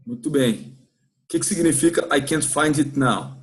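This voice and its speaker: Man, Brazilian accent, English teacher, classroom lesson, slightly high voice, slow model phrases. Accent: Brazilian Portuguese. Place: church classroom.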